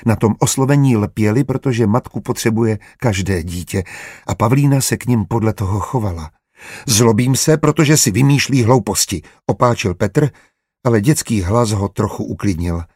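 A man narrating an audiobook in a steady, even storytelling manner. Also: on the low side, breathy edge, dry recording, clean studio sound.

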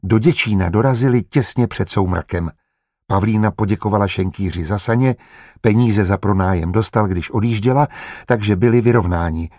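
Male narrator, audiobook narration, low voice, dry close recording, measured delivery. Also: no room sound. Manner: measured, even storytelling.

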